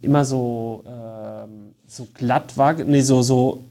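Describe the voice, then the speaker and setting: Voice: mid-range voice, fairly even intonation, slow pace, warm tone. A podcast host in a casual chat, talking hesitantly with fillers and restarted sentences. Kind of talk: casual conversation. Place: recorded in Stockholm.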